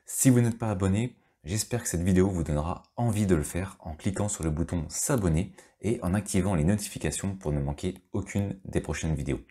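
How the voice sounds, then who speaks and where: Low-voiced French man explaining stocks. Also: brisk, hardly any pauses, mellow, slightly rough. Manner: thinks aloud with frequent fillers and restarts. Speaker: stock market youtuber. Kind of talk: casual explainer commentary.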